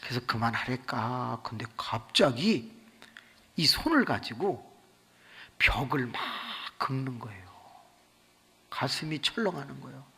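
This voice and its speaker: A middle-aged pastor preaches in a revival meeting with a bright, slightly breathy, high-pitched voice. He tells stories in an animated, comic way, and his voice sweeps up and down as he acts out each scene. The long reverb of a church sanctuary trails after his words. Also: a little slow, long pauses. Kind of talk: revival sermon storytelling.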